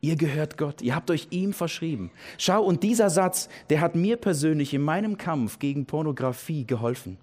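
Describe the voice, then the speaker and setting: A man preaching a sermon in an earnest, emphatic way, repeating key phrases and dropping his voice low for weight. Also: expressive, moderate pace, hardly any pauses, darkish tone.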